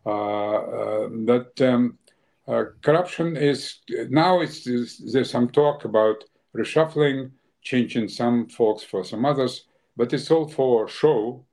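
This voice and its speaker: Answering interview questions as a guest, an older man of Ukrainian birth who came from Russia speaks slowly in a medium-pitched, slightly mellow voice. He hesitates often, filling gaps and restarting his sentences.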